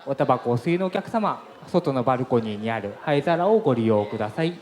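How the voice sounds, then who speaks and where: Man, venue announcer, quick lively delivery, roomy echo. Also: medium pitch. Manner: formal, courteous customer-service phrasing. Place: crowded event venue.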